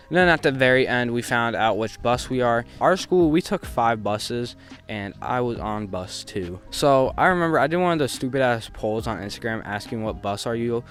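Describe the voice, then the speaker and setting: A young man tells an embarrassing story for a casual vlog, full of slang and cursing. He swings from loud, hyped-up lines to muttered asides. His voice sits at a middle pitch and sounds smooth and clear. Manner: slangy and profane. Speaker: YouTuber telling a story.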